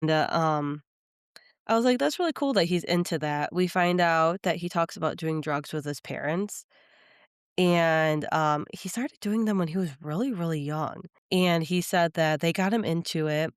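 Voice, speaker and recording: A woman's voice: low-pitched, normal speed, clear, resonant tone, no echo, studio quality. A woman co-hosting a podcast, chatting casually as she recaps reality TV episodes and acts out quoted lines. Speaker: podcast co-host.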